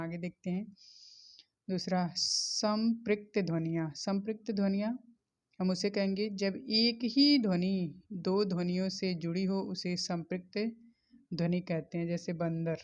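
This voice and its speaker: Woman, teacher, slow measured delivery, methodical, lo-fi muffled sound. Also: on the low side, darkish tone. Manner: methodical, spells out letters and examples one by one. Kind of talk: exam revision lesson on grammar. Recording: dull lo-fi recording.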